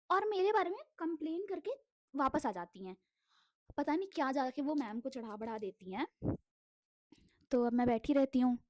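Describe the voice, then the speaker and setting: A young woman with a high voice tells an animated, casual storytime about her school days, swearing freely and mixing in English words. There's no echo.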